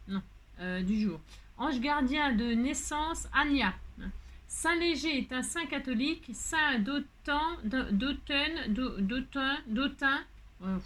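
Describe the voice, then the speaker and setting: A woman's voice: high-pitched, a bit bright. A woman crafting vlogger chatting casually, rambling and playful, with many fillers and jokes, feeling hot. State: hot, complaining of heat. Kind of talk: casual chat while crafting.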